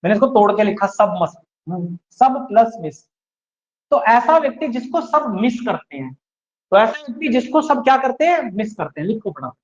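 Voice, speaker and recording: A man's voice: very high voice, sing-song, moderate pace, muffled recording. A man teaching English vocabulary in an online exam-prep class, drilling students with repeated questions and mixing English words into Hindi explanations.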